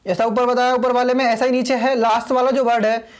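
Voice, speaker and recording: A man's voice: very high voice, level tone, fast talker. A man teaching a video lesson, explaining patiently and repeating himself, spelling names out letter by letter.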